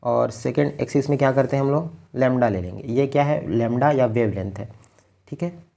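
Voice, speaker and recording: A man from India giving a patient physics lecture, explaining each step slowly and often checking in with his students. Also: mid-range voice, vocal fry, mellow. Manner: keeps checking in with "ठीक है". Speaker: physics teacher. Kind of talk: blackboard lecture.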